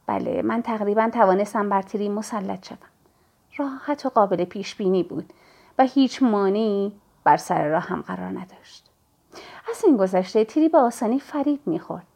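A woman narrating a novel in the first person, telling the story at a measured, steady pace. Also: medium pitch. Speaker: audiobook narrator.

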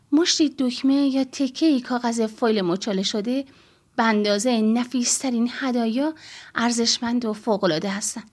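Calm woman reading an audiobook. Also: fairly high pitch. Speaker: audiobook narrator. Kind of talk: first-person audiobook narration.

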